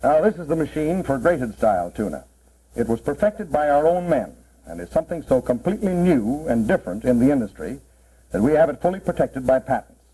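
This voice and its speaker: A man's voice: mid-range voice, very animated, brisk, dark tone, breathy edge. A man narrating a 1940s promotional film as a cannery guide, in a plain, instructive mid-century style. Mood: matter-of-fact. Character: cannery man proudly explaining the packing process. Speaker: narrator explaining a cannery tour. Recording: muffled, worn 1940s film soundtrack.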